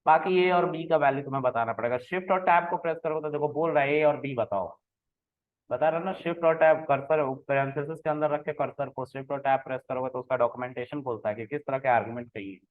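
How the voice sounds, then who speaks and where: A man teaching programming in a relaxed way, explaining code step by step and often checking that the listener follows. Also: mid-range voice, fast. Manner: conversational, keeps checking in with the listener. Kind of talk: explaining code while typing. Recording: tinny phone-like sound.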